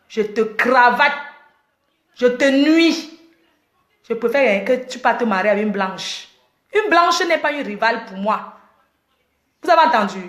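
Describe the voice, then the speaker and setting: A woman's voice: high voice, a bit bright. A woman ranting to her followers in a livestream, defiant and boastful, repeating taunting questions. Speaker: social media personality. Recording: roomy echo.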